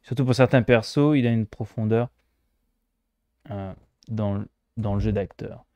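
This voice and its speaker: A man from France commenting casually on a game he is streaming, playful and quick to laugh. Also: fairly low pitch, warm tone, dry recording. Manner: playful, laughing, mimics accents.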